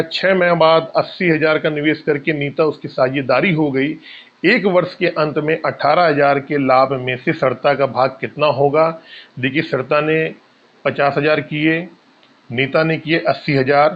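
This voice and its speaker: A man's voice: fairly high pitch, highs cut off. A male maths teacher explaining exam problems step by step, asking questions and answering them himself. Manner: addresses students as bhaiya. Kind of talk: exam-prep maths lesson.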